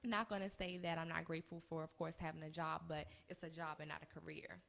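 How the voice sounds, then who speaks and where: A woman's voice: low-pitched, little pitch movement, fast, vocal fry, fairly bright tone. A woman in her early twenties, a podcast co-host, telling her story in casual, chatty chat with laughs. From United States. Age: 20s. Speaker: co-host and business owner. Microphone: live-streamed recording.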